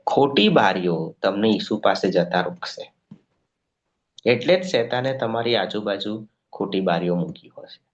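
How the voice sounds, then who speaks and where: A man preaching a sermon, retelling scripture stories with animated voice play and often checking with the congregation whether they follow. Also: lowish voice, unhurried. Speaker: pastor. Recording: dull lo-fi sound.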